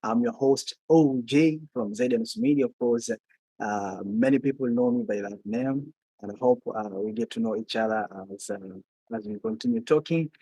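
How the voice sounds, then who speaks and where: A man hosts an interview in a dry, close sound. He talks haltingly, repeating words and filling pauses as he hunts for his questions. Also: mid-range voice, mellow, no echo. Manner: hesitant, repeats words, many fillers. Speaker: podcast host. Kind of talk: hosting an interview.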